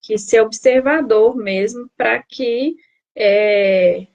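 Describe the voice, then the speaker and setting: A woman's voice: fairly high pitch, very slow, a little mellow. A woman nutritionist with a Brazilian Portuguese accent, explaining health advice in a casual live interview, with many tag questions and restarts. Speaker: nutritionist guest. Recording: video call.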